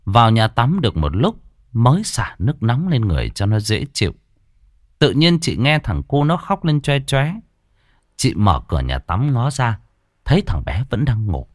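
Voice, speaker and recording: A man narrating a ghost story in an expressive, animated storytelling manner. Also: normal speed, no echo, studio quality. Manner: lively, expressive storytelling with big pitch swings.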